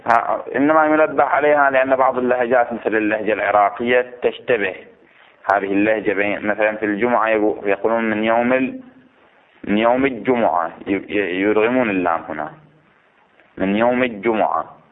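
A man's voice: fairly low pitch, quick pace. Male religious teacher, patient explainer who quizzes students; thin lo-fi phone-like sound. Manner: explains step by step, poses questions to the class. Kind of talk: classroom lesson on Quran recitation rules. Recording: tinny phone-like lo-fi recording.

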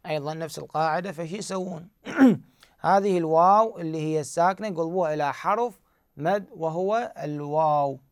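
A man with an Iraqi Arabic accent explains recitation rules in a patient teaching voice, slightly high-pitched and very clear. He keeps asking the class a question and then answering it himself, repeating key words slowly. The recording is dry and close, with no room sound. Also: a little mellow, no echo. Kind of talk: explanatory grammar lesson.

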